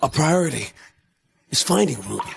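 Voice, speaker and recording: A man's voice: on the high side, sing-song, moderate pace, gravelly, a little hiss or hum, full character voice. A man voicing an anxious, placating friend in a dubbed drama. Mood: urging.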